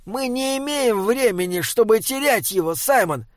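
A high-voiced bossy little troll. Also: male voice, very animated, moderate pace, no echo, studio quality. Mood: urgent. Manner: stilted, oddly worded speech. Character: small earnest male troll guardian, bossy.

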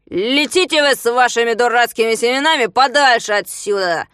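A woman's voice: fairly high pitch, normal speed, clean tone, no room sound, close to an everyday voice. Lady putting on an angry little police boss, shrieking orders, dry close sound. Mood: yelling. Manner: shouting, shrieking threats. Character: angry bossy male police commander.

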